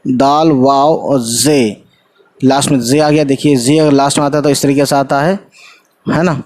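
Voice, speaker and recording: This man's voice is a little high with a darkish tone as he leads an informal online Urdu lesson. He goes through words letter by letter, talks to his audience as "guys," and uses English fillers along the way.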